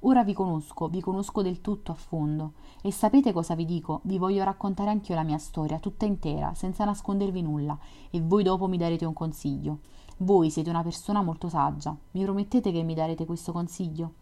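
A woman's voice: on the low side, fairly quick, dark tone, lightly acted. A woman reading as a shy tender young woman. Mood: earnest. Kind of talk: audiobook reading.

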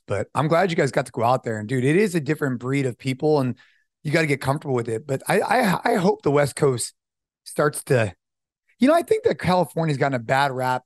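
A man's voice: medium pitch, dry recording, clean studio sound. A middle-aged man hosting a podcast, talking casually and upbeat, often saying dude and man. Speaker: podcast host. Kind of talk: casual chat.

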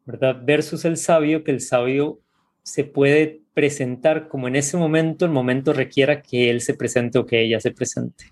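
A man from Rica, hosting a relaxed interview in a reflective way. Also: mid-range voice, normal speed. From Costa Rica. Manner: reflective, often tags with ¿verdad?. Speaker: podcast host. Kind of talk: casual interview.

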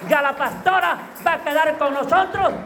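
A man's voice: extremely high pitch, moderate pace, pushed and bright, faint music behind. A man exhorts a congregation as pastor, emphatic and fervent, repeating phrases and punctuating them with praise. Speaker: pastor introducing a guest preacher. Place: village church. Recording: live church with congregation.

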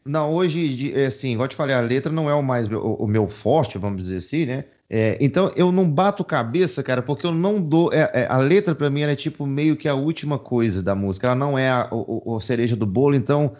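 A man's voice: medium pitch, fast talker, hardly any pauses, lo-fi sound. A Brazilian man, a musician, talking casually in an interview, with many fillers and laughs. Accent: Brazilian Portuguese. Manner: animated, laughing, lots of fillers. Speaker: musician guest.

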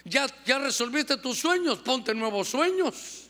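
A man preaching a sermon, exhorting his congregation fervently and acting out church members in quick asides. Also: extremely high pitch, expressive, bright, forceful tone. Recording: long hall reverb.

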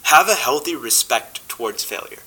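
A young man, an actor, talking casually as a podcast guest, relaxed and chatty with many fillers and restarts. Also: mid-range voice, moderate pace, breathy edge, rough recording.

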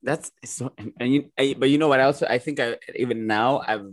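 A man's voice: mid-range voice, fairly even intonation, brisk. A man in casual conversation, reflecting thoughtfully and often restarting his sentences. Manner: reflective, speaks in restarts and asides. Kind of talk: casual chat.

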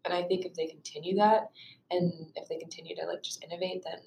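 A young woman co-hosting a podcast, talking in a relaxed, measured way with many fillers. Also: lowish voice, gravelly, roomy sound, slight background noise. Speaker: podcast co-host. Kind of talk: casual podcast chat.

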